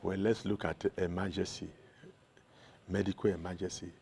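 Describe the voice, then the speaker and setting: A man with a Nigerian accent, a doctor answering interview questions in a measured way that lists examples one by one. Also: low-pitched, level tone, creaky, darkish tone, a little hiss or hum. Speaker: doctor, consultant guest.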